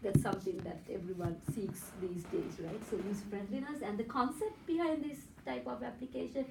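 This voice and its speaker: Presenting at an academic conference in a hotel meeting room, this woman from Sri Lanka, a native Sinhala speaker with a Sri Lankan accent, walks through her points step by step and keeps adding "right?" Her medium-pitched voice is brisk with vocal fry and fairly even intonation, captured distantly in an echoey room with a noisy background.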